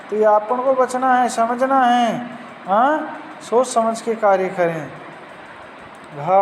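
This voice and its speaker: A man teaching a Sanskrit class, slowly repeating words and their meanings and speaking straight to his students. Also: high voice. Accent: Hindi-speaking Rajasthani. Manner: slow, repeats each word and its meaning, addresses students directly. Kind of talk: recorded class lesson. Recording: reverberant room with faint traffic noise.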